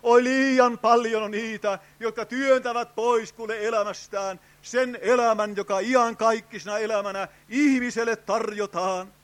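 A man's voice: sits high, fairly even intonation, a bit bright. An older man preaching an evangelistic sermon at a tent revival, fervent and pleading, crying out "oh" and calling to his friends. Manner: fervent, with frequent drawn-out "oh" cries and direct appeals to "friends".

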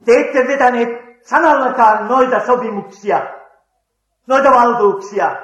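An older man voicing a stern, high-ranking police colonel who speaks in a commanding, inviting way. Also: reverberant, lo-fi sound. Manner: commanding, then warmly inviting.

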